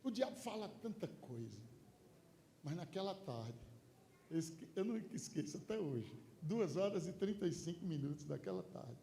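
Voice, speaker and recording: Brief: Brazilian male pastor, high voice, storytelling sermon that swells into shouting, roomy church sound. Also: expressive, normal speed, gravelly, a little hiss or hum. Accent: Brazilian Portuguese. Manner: swings from quiet storytelling to shouted preaching. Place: church hall. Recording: echoey church with faint ambience.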